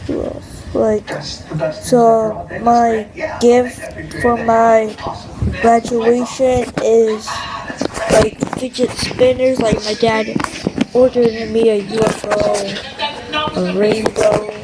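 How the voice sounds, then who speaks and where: A noisy recording of a young girl, around ten, chatting casually as a vlogger. Her voice is fairly high and she speaks very slowly and haltingly, tired and hiccuping. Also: flat delivery. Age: child, about 10. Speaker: gamer vlogger. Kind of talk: casual vlog.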